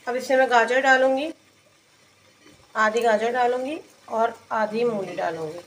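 Cooking host, woman, high voice, step-by-step recipe narration in an echoey home kitchen. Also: unhurried, a little hiss or hum. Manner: plain, explains each step as she works.

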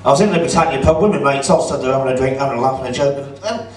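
A man's voice: medium pitch, racing. A middle-aged man doing a stand-up comedy set in a club, chatty and sarcastic as he teases the crowd. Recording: roomy audio from a distance.

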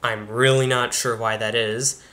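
Working through a computer install in a screen-recorded tutorial, a young man from a tech channel casually describes each step as he goes. He speaks unhurriedly in a bright, forceful mid-range voice with little pitch movement, from a bedroom studio where computer screens sit behind him.

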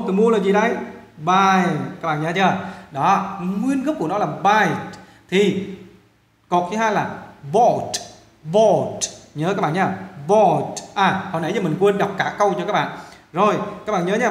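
High-voiced Vietnamese-accented male teacher. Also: reverberant. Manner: repetitive, coaxing, checks in often with the viewers. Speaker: English teacher. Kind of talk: casual classroom lesson.

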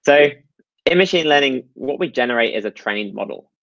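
A man's voice: mid-range voice, lively intonation, brisk, creaky, fairly bright tone, no echo, highs cut off. A man giving a technical talk over slides at an online meetup, explaining step by step with frequent ums and uhs. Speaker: meetup presenter.

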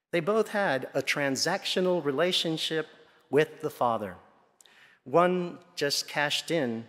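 A middle-aged man preaches a Sunday homily in a big church, picked up by a pulpit gooseneck and a lapel mic amid long hall reverb. He speaks deliberately, pausing between phrases, in a voice a bit bright and slightly high for a man.

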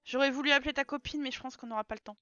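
Woman streamer, high bright voice, chatty live play-by-play, talks to her characters. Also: racing, dry recording, lo-fi sound. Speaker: game streamer. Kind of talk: casual live gameplay commentary.

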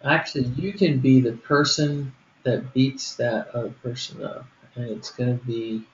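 A man organizing a group over a call, walking through who plays which part and thinking aloud as he goes. His voice sits at an ordinary middle pitch. The sound is roomy and muffled, with a faint background hiss. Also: steady tone, measured pace. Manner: explains step by step, thinking aloud. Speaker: group leader planning a skit. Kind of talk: casual planning on a group call.

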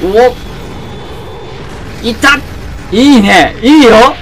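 A young man giving excitable let's-play commentary, often shouting and laughing at the action. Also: very high-pitched, very slow, faint music behind. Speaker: game commentator.

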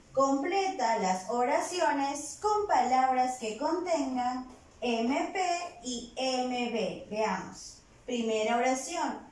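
In a virtual primary lesson, a woman with a high, darkish voice dictates words syllable by syllable, slow and patient. She's far from the mic, and the room has echo.

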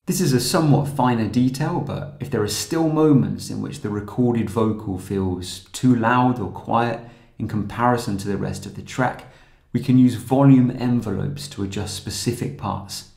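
A man narrating a scripted software tutorial in a calm, steady, explanatory way. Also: mid-range voice, moderate pace, creaky, reverberant.

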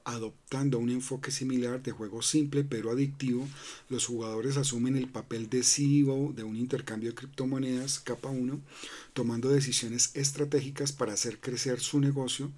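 At a normal speed and in a steady, darkish, medium-pitched voice, a crypto channel host talks viewers through a screen recording. It's loose and chatty, riddled with fillers and restarts, and he regularly asks "¿no?".

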